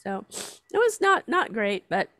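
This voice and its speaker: A woman's voice: mid-range voice, sing-song, a little slow, bright, forceful tone, no echo, studio quality. An older woman, a writer and artist, chatting casually, laughing often and reading her own poem aloud. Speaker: writer and artist, show regular. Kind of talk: casual chat and poetry reading.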